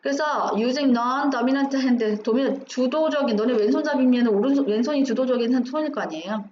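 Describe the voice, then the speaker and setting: A woman with a high-pitched, slightly mellow voice teaches English at a moderate pace, working through an exam passage line by line and answering her own questions. The recording is dull and roomy, with a faint hum.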